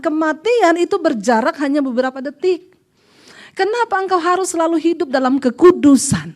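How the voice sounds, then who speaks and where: A middle-aged woman pastor preaches with a high, bright-pitched voice. She tells her stories with lively emphasis and acts out the dialogue in them. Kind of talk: sermon.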